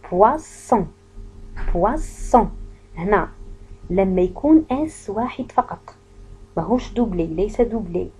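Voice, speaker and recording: A woman teaching a French pronunciation lesson, patiently saying each word slowly and then repeating it. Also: medium pitch, dark tone, slightly rough, low-quality recording.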